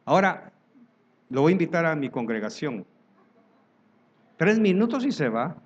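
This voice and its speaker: A man's voice: fairly high pitch, very animated, normal speed, slightly rough, lo-fi sound. A man preaching a sermon as pastor, telling stories and acting out the voices of church members.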